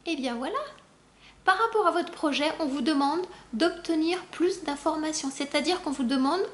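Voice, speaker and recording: A woman spiritual coach passing on a channeled message in a gentle, encouraging way, a little halting with fillers. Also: high voice. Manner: gentle, encouraging, addresses listeners fondly. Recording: roomy echo.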